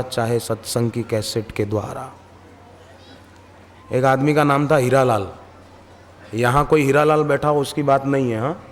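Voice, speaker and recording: A man giving a devotional sermon, speaking slowly and emphatically, asking rhetorical questions and telling stories. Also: medium pitch, long reverb tail, slight background noise. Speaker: spiritual preacher.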